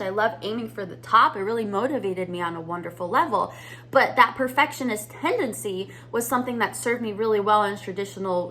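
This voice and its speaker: Talking to camera, an American woman teaches business owners about mindset in an upbeat, conversational way, often saying "you guys." Her voice is medium-pitched with a fairly bright tone.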